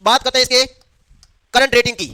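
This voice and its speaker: A man's voice: very high voice, steady tone, fast talker, pushed and bright, clean tone, no echo. A male teacher giving a classroom lecture, asking the class questions and answering them himself. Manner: quizzes the class, answers his own questions.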